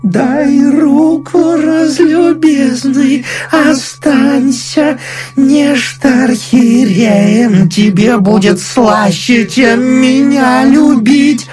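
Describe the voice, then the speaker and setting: A man's voice: sits high, huge pitch swings, very slow, vocal fry, long pauses, darkish tone, voice pushed up, heavily acted. A man voicing an eerie spirit speaking through a possessed young peasant woman in a keening, wailing voice in an audiobook. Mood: wailing lament. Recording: faint music underneath.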